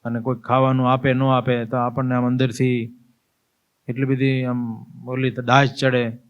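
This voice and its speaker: A man's voice: mid-range voice, monotone, a little slow, clean tone, lo-fi sound. A man, a swami, giving a spiritual discourse as vivid storytelling and acting out scenes. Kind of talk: spiritual sermon.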